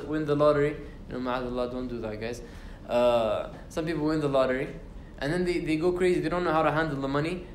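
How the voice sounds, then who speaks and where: Reciting Arabic verses between casual remarks, a young man runs an informal Quran study class in a university lecture room. His pitch is fairly high, and his talk is sprinkled with fillers and restarts. The sound is reverberant, with a little background noise.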